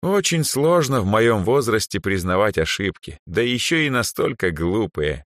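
A man's voice: on the low side, sing-song, moderate pace, dry recording, clean studio sound, pitched above the performer's own voice. A man doing a weary old archmage. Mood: rueful. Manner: sighing, lecturing, flares into anger. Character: aging male archmage, weary and sly. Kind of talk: audiobook character voice.

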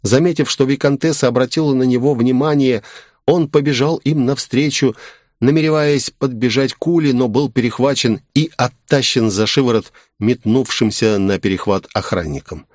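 A man narrating a fantasy novel in a steady, even storytelling manner. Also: medium pitch, moderate pace, no room sound, clean studio sound. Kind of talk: audiobook narration.

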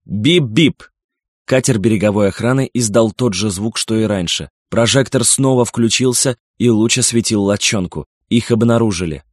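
A male audiobook narrator with a lowish voice reads a novel in steady, measured storytelling. The recording is dry and close, with no room sound at all. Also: dry recording.

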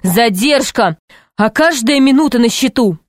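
A woman's voice: fairly high pitch, expressive, unhurried, no echo, studio quality. A woman voicing an impatient, irritable grown man who grumbles curtly in an audiobook story. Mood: gruff. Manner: curt, grumbling.

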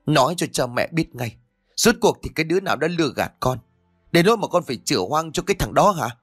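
Male reader voicing a grieving village mother in a storybook, high, tearful reproach. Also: animated, normal speed, vocal fry, breathy edge, soft background music, full character voice. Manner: wailing reproach. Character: grieving scolding middle-aged village mother.

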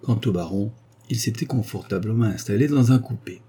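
Husky-voiced man reading an audiobook. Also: fairly low pitch, fairly quick, mellow. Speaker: narrator. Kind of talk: scripted audiobook narration.

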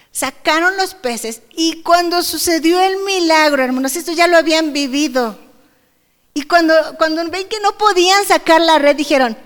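A woman's voice: sits high, a bit bright. A woman with a Mexican Spanish accent preaching a sermon, talking conversationally and asking her congregation rhetorical questions. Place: church service hall. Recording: reverberant church hall.

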